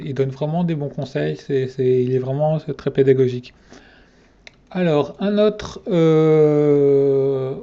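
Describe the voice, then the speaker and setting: A man's voice: on the high side, creaky, dark tone, dull audio. A man ranking his favourite fitness channels in a casual vlog, hesitant and full of fillers and restarts.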